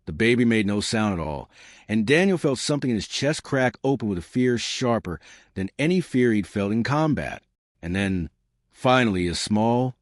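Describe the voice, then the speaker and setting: Here a fairly low-pitched male narrator tells a scripted, dramatic story full of suspense, speaking right to the listener. The audio is studio quality with no room sound.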